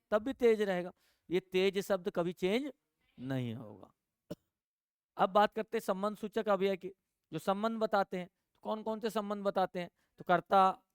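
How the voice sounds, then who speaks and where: A male teacher from giving a classroom grammar lesson, asking the class questions, answering them himself and repeating key words slowly. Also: sits high, clear, resonant tone, no echo, studio quality.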